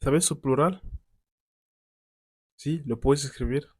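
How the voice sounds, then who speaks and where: Man, French teacher, unhurried, mid-pitched voice, dry close sound. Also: a little mellow, no room sound. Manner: repeats each French word slowly and clearly. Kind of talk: slow beginner quiz lesson.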